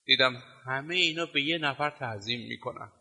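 A man's voice: medium pitch, sharp tone, breathy edge. A man preaching a sermon, telling stories and driving points home with emphatic, rhythmic repetition. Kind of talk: sermon with storytelling. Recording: long reverb of a hall.

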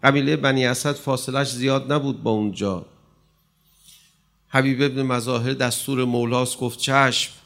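A man's voice: medium pitch, fairly even intonation, vocal fry, a bit bright. A male preacher giving an impassioned sermon, with emphasis that rises and falls. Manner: impassioned, rising and falling emphasis. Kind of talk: religious sermon.

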